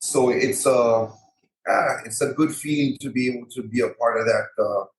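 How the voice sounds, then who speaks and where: A man's voice: mid-range voice, moderate pace, a crowd in the background. A man with a local Hawaiian accent chatting casually as an interview guest, repeating phrases and using colloquial grammar. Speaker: MMA fighter and gym owner, podcast guest. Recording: echoey roomy sound.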